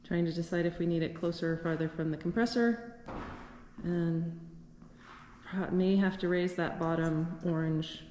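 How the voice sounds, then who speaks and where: A woman's voice: lowish voice, fairly even intonation, normal speed. A woman casually narrating a vlog in an informal, chatty way, thinking aloud, her voice echoing around a big workshop. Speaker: vlog host. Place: large echoey metal or concrete workshop. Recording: very echoey workshop, loud background noise. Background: loud ambient noise.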